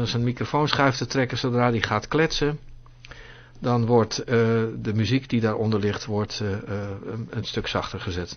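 Man explaining step by step over voice chat. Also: mid-range voice. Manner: explains step by step, with many fillers. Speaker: host of a tech Q&A voice chat. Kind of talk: live demonstration over voice chat. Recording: dull lo-fi voice chat audio.

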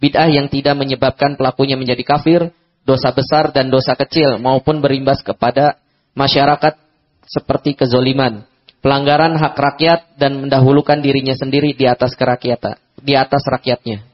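An Indonesian-accented man reads a religious text aloud in a flat, monotone voice, tripping over a word now and then. The recording sounds dull and lo-fi. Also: mid-range voice, a little fast. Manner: reads flatly, stumbles on words. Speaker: lecture text reader.

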